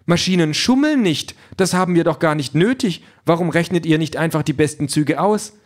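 A man's voice: a little high, a little fast, voice pushed up, natural voice. A man voicing a prim, dutiful robot in an audiobook reading, speaking formally and stiltedly. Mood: indignant.

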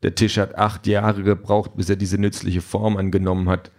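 A man's voice: sits low, normal speed. A man doing a cold, pompous villain. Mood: cool menace. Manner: calm, fussy, condescending.

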